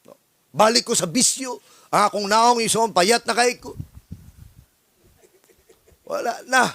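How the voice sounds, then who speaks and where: A male pastor from the Philippines preaching a sermon as an animated story, acting out dialogues. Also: very high voice, unhurried, no echo.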